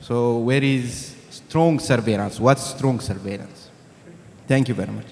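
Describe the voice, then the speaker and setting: A student from Ethiopia asking a panel a question from the audience, phrasing it in a hesitant, searching way. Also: male voice, mid-range voice, unhurried, creaky, a little mellow. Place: conference hall. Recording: reverberant conference hall.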